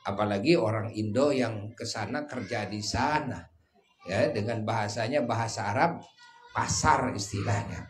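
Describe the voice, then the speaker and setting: An older man from Indonesia preaching an Islamic sermon, lively and often checking with listeners. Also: on the high side. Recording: faint background noise and ambience.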